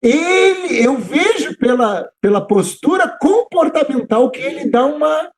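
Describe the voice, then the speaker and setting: Male teacher guest, high and very animated delivery, chatty storyteller who stumbles and restarts. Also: measured pace. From southern Brazil. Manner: animated, acts out quoted dialogue, repeats words when restarting. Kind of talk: conversational storytelling.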